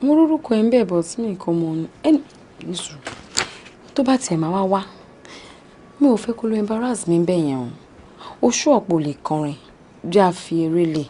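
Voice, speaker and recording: A woman's voice: fairly low pitch, expressive, fast, pauses often, dark tone, slight background noise, lightly acted. A woman with a Nigerian accent playing a sceptical, bossy campus friend, scolding and insistent in conversational film acting. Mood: doubtful. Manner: scolding, insistent, repeats herself.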